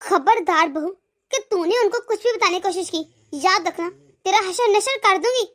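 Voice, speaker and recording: A cruel, bossy mother-in-law in a cartoon, played by a woman barks sneering taunts. Her voice is loud, high and cutting, forever scolding. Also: moderate pace. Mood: threatening. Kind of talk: cartoon voice acting.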